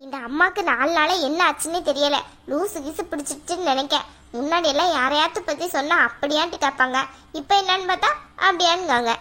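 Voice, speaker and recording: A woman's voice: high voice, quick pace, pushed and bright. A woman voicing a worried middle-aged mother in a cartoon, fretful and pleading. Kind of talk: cartoon voice acting.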